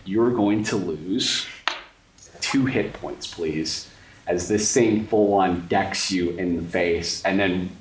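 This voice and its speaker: A man game-mastering a tabletop horror game, talking very slowly and deliberately. His voice is fairly low. He sounds distant from the mic, in an echoey room with faint noise. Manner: slow, descriptive, addresses players directly.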